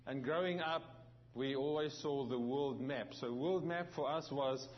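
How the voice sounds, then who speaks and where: This sermon comes from a visiting pastor, a South African man whose accent shows some New Zealand influence. His mid-range voice is captured in a muffled recording, and he stumbles along with frequent restarts and fillers.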